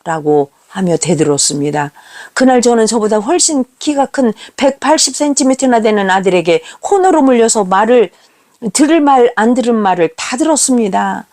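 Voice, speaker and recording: A woman's voice: on the high side, expressive, a little mellow. Somber middle-aged woman reading a story. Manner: somber, measured, heavy. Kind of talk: first-person story reading.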